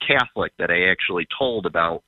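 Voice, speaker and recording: A man calling in to a radio show over a phone line, talking in a hesitant, halting way with many fillers. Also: sits low, no echo. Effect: heard over a phone line. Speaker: caller. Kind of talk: call-in conversation. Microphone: phone held by the caller.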